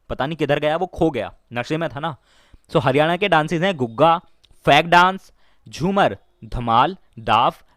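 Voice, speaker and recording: Brief: male exam-prep teacher, slightly raised pitch, dry close mic, repeats mnemonic stories. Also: no echo. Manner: explains slowly with stories and repeats key lines. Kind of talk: mnemonic lesson for exam students.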